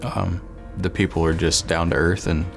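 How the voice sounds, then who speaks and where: Deep gravelly man, flat and chatty. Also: moderate pace. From Southwest Missouri. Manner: relaxed, chatty, many fillers. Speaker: dental worker, scholarship nominee. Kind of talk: interview. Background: soft background music.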